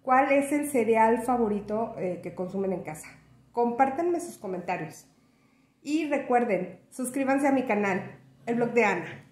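A woman's voice: on the high side, animated, unhurried, darkish tone, roomy sound. A woman chatting casually in a product review vlog, friendly and full of fillers. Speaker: vlogger reviewing a cereal.

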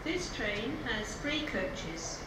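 A woman's voice: mid-range voice, very animated, very slow, heavy background noise. A woman making a formal, scripted train station announcement in separate segments, heard over public address speakers. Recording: echoey distant station tannoy with loud ambience.

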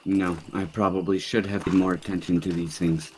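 A man's voice: low voice, flat delivery, moderate pace, a little mellow, slight background noise. A man role-playing in a western game, talking in a cold, terse drawl with stiff phrasing. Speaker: role-play game player. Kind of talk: in-character western role-play chat.

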